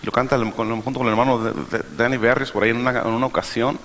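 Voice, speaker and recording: A man's voice: mid-range voice, flat delivery, quick pace, a bit bright, long reverb tail. A man preaching a sermon to his congregation, emphatic and full of rhetorical questions. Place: church.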